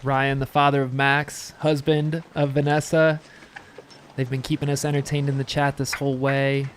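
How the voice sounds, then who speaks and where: A man with an ordinary mid-range voice gives calm, informative race commentary. He is heard over a noisy livestream feed. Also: medium pitch, normal speed. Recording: noisy live stream.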